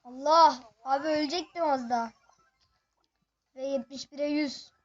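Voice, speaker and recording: High-voiced gaming host, excitable live play-by-play, chats to viewers, dull lo-fi home recording. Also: unhurried. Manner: excitable, chatty, addresses viewers constantly. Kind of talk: excited live gameplay commentary.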